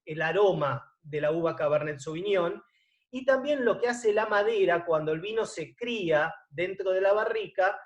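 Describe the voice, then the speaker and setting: High-voiced man teaching wine. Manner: explanatory, often checks in with a rising "¿sí?". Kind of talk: online lecture.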